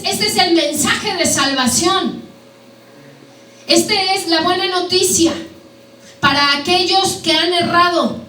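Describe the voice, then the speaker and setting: High-voiced woman preaching a sermon. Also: bright, forceful tone. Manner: rhetorical questions to the congregation. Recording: echoey hall, mic at a distance, faint background noise.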